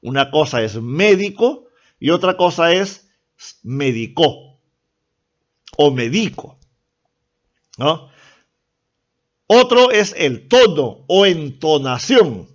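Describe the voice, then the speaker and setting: A man's voice: a little high, very animated, takes it slowly. A man with a Peruvian Spanish accent teaching a language class, explaining step by step and often checking in with the students. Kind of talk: online class lecture. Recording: dull lo-fi recording.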